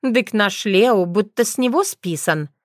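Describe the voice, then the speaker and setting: A woman's voice: medium pitch, animated, a little slow, no room sound, clean studio sound, voice pushed up, close to an everyday voice. A woman voicing a brash, cheeky young witch with a folksy, teasing manner in an audiobook. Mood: mocking. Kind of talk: audiobook character voice.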